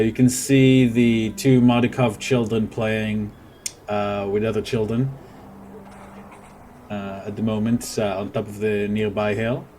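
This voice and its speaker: Low-voiced male game master, halting delivery. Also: darkish tone, a little hiss or hum. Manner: halting, descriptive. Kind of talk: improvised tabletop game narration.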